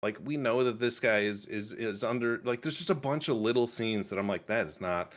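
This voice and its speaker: On a livestream, a man casually reviews a movie, rambling, restarting often and bursting into sudden animated outbursts. His mid-range voice moves briskly.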